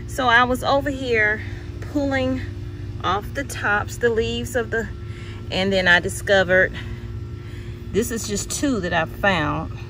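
Slow-talking chatty woman in a garden. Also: mid-range voice, background noise. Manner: chatty, addresses viewers as y'all, exclamatory. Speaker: home gardener vlogger. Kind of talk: casual garden walk-through. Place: outdoor backyard garden.

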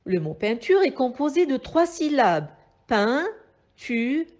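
A woman teacher with a Moroccan French accent giving a slow phonics lesson to young pupils, carefully articulating and repeating each sound. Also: high-pitched, big pitch swings, warm tone. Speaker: primary school teacher.

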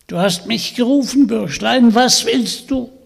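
A man's voice: extremely high pitch, measured pace, vocal fry, slightly rough, pitched above the performer's own voice, full character voice. A man voicing a wild old female witch who screeches her commands, read aloud in a hall. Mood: mocking. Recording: reverberant hall, live reading.

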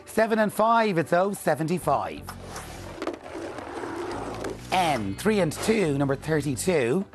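In an indoor TV studio with background music, a forties-aged man wearing a lapel mic calls bingo numbers for a game show in a rhythmic, repeating presenter's way. His voice is a little high and very animated, at normal speed.

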